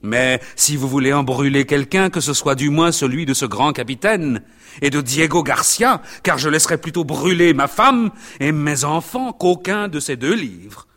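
A man's voice: fairly high pitch, animated, moderate pace, a bit bright, pitched above the performer's own voice. A man voicing a simple, book-loving middle-aged innkeeper in an audiobook. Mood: indignant. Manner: hearty, stubborn.

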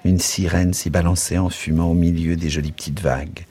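A man narrating a literary text in an expressive, rhythmic reading that lingers over words. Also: low voice, brisk, slightly rough. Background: soft music.

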